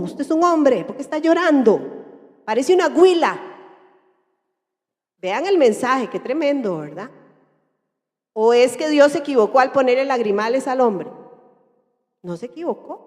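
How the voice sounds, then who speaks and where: A woman with a Costa Rican accent speaking to a group, lively and questioning her listeners. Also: high voice. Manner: lively, asks the audience questions and acts out everyday voices. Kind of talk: talk to a church group. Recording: echoey hall.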